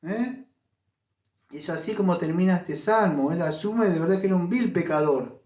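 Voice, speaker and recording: A male pastor delivers an emphatic sermon with a notably high voice. He keeps asking his congregation rhetorical questions and tagging sentences with a quick "eh?". The room sounds large and echoey, like a church sanctuary. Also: darkish tone. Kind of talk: Spanish-language sermon.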